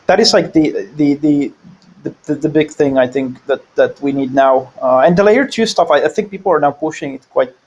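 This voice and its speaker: A man from Finland, speaking haltingly with many fillers as a guest in a casual panel discussion. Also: fairly high pitch, darkish tone, slightly rough, lo-fi sound.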